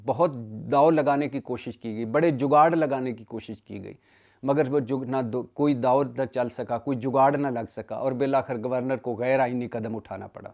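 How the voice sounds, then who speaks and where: A man's voice: mid-range voice, darkish tone. Indignant male political commentator. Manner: indignant, emphatic, with rhetorical questions and lists; frequent self-corrections and cut-off words. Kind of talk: solo political analysis.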